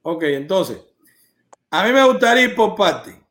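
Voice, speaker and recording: A man's voice: high-pitched, sing-song, a little slow, fairly bright tone. A man hosting a live stream, arguing insistently and lecturing a caller point by point.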